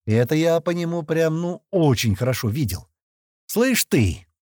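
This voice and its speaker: Guy narrating an audiobook, expressive, lively pitch, dry close sound. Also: normal speed, dry recording. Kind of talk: first-person audiobook narration.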